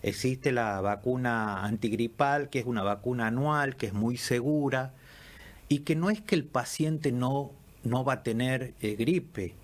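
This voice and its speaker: A man, a lung doctor answering questions in a radio interview, measured and explanatory with frequent fillers. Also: mid-range voice. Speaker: pulmonologist guest.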